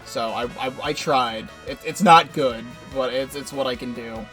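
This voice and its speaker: A man's voice: medium pitch, normal speed, fairly bright tone. A man casually commenting on a video game, hesitant and self-deprecating. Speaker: gaming channel host. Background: faint game music.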